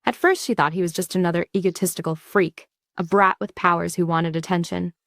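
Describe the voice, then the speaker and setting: A woman's voice: lowish voice, fairly even intonation, brisk, gravelly, a bit bright, dry recording. A woman narrating a comic story recap with playful asides to the listener. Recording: dry close recording.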